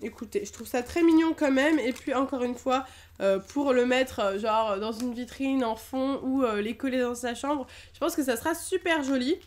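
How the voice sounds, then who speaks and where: A woman's voice: high-pitched, normal speed. A young French woman chatting through an unboxing vlog, enthusiastic, with many fillers. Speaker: YouTuber unboxing Pokémon lottery prizes.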